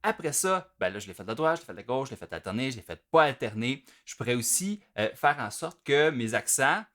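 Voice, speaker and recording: A man giving a relaxed, conversational drum lesson, full of fillers. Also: mid-range voice, quick pace. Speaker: drum teacher. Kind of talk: casual spoken instruction. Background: drum playing.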